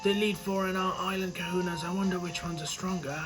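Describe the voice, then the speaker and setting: A man voicing a cheerful, chatty teenage boy from a video game, musing out loud. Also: sits high, fairly even intonation, fast talker, over music, voice pushed up, close to an everyday voice.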